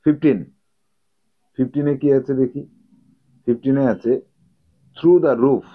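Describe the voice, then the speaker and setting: A man teaching English vocabulary, slowly repeating each word and its meaning and correcting pronunciation. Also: medium pitch. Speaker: English tutor. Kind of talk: vocabulary lesson explaining English words in Bengali. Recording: tinny phone-like audio.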